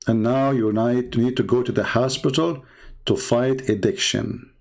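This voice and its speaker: Speaking at a measured pace with fairly even intonation, this gravelly, mid-range male voice belongs to an Arabic-accented native Arabic speaker from the Middle East. He's a live show host and religious apologist running a laid-back stream, full of sarcasm and mockery, hammering points home by repeating phrases.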